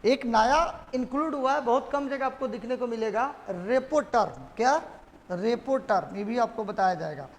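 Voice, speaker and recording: A man's voice: very high voice, moderate pace, slight background noise. A male teacher giving a classroom lecture, repeatedly quizzing his students and having them echo the key terms. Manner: drilling students with repeated questions. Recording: classroom with long reverb.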